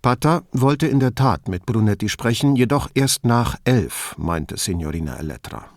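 A man narrating an audiobook novel in a calm, measured storytelling manner. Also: medium pitch, dry recording, clean studio sound.

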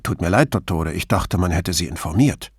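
Male reader as a low-voiced, businesslike commissioner, polite and plain, dry recording. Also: expressive, normal speed, slightly rough, no echo. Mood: matter-of-fact. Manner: matter-of-fact, polite. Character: calm, direct middle-aged male police commissioner.

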